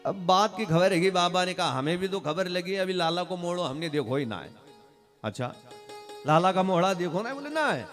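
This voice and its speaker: Give me a high-voiced devotional storyteller, a man from Maharashtra who acts out characters and rouses the crowd. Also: expressive, normal speed, soft background music. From Maharashtra, India. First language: Marathi. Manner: urges the audience to call out loudly. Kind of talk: Bhagavat katha sermon storytelling.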